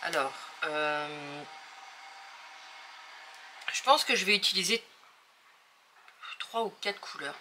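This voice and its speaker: A woman's voice: on the low side, animated, slow pace, pauses often, sharp tone, slight background noise. A woman hosting a casual craft tutorial, talking hesitantly with many fillers as she thinks aloud while working.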